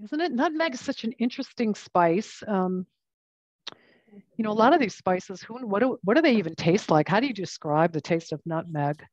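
A woman's voice: medium pitch, animated, normal speed, darkish tone, no echo, muffled recording. A woman teaching a cooking class, chatting and explaining each step while she works with her hands. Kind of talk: live cooking demonstration.

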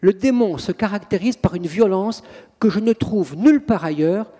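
Husky high-voiced priest telling stories. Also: male voice, lively intonation, moderate pace, warm tone. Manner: theatrical storyteller, acts out scenes. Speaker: priest and exorcist. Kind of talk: anecdotal public talk. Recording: long reverb of a hall.

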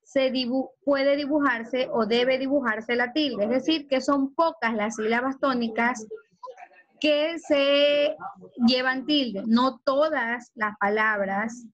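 A woman teacher from Ecuador giving an online class and explaining slowly with worked examples. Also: high voice, muffled recording. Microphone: video call.

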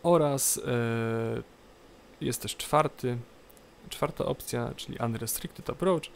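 Off the cuff, a medium-pitched man with a gravelly edge presents a game tutorial, explaining haltingly and repeating phrases. Faint, noisy flight-simulator cockpit ambience and light background noise run underneath his unscripted commentary.

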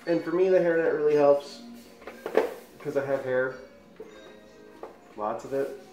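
A man's voice: on the high side, measured pace, over music. Man talking muffled inside a helmet. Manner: enthusiastic, chatty. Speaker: collectibles reviewer. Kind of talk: casual product review. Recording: echoey room.

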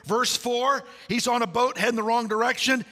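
A man with a high, bright voice preaches to his congregation, joking and acting out the characters' lines as he goes. His words ring through a large sanctuary with a long, echoing reverb. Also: moderate pace. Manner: animated, jokey storytelling with acted-out dialogue. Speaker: pastor. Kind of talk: sermon.

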